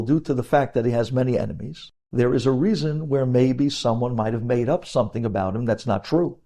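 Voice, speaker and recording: A man with a medium-pitched, creaky, mellow voice delivers a religious lesson as a rabbi. Teaching religious law, he explains with emphasis and answers the questions he poses.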